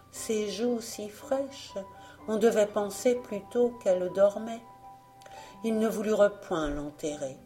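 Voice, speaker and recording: Slow, mellow woman reading a fairy tale. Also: mid-range voice. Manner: slow, deliberate storytelling. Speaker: audiobook reader. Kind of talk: scripted fairy tale narration.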